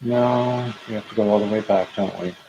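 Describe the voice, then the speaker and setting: A man in his fifties hosts a casual knitting livestream, chatting as he knits. His lowish, mellow voice is steady at a normal speed, though he sounds hesitant and self-deprecating, with dry jokes and frequent restarts. The audio is dull, with slight background noise.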